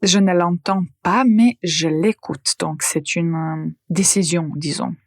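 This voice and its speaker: Woman podcast teacher, low-ish voice, very slow and deliberate delivery, dry close recording. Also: no echo. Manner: repeats example sentences slowly for learners. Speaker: language teacher and podcast host. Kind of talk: slow, careful French lesson podcast.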